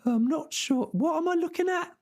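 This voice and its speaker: A man's voice: extremely high pitch, normal speed, a little mellow, pitched above the performer's own voice. A man voicing Sancho Panza, an eager but bewildered young farmer serving as squire, talking in simple, stammering bursts.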